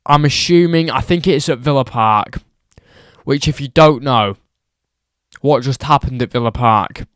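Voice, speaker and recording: A man's voice: medium pitch, measured pace, dry recording, studio quality. A young man ranting about football results, exasperated and repeating his points for emphasis. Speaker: football vlogger.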